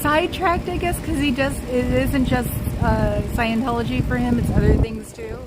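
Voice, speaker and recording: Traffic hums behind this outdoor recording of a woman livestreaming on a street in San Francisco. Her voice is fairly high with fairly even intonation at normal speed, and though it's fading, she rambles chattily and calls out to people walking by.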